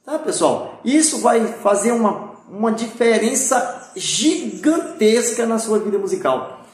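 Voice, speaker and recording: A man's voice: sits high, sing-song, unhurried. A man giving a recorded music theory lesson, explaining patiently and checking often that his students are following. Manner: patient, repetitive explaining with frequent "pessoal" and "tá?". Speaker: music teacher. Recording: very echoey room.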